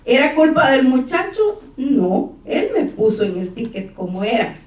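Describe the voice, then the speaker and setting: A woman's voice: sits high, very animated, unhurried, a little mellow. A middle-aged woman, telling a story in a church testimony sermon and acting out the dialogue. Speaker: church speaker. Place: church hall. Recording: echoey church room, from far off.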